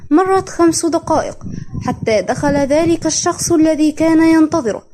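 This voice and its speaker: A young woman reads out a novel summary as narration, in a formal storytelling manner. Her voice is high and mellow. The tone is measured and even. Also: a little hiss or hum.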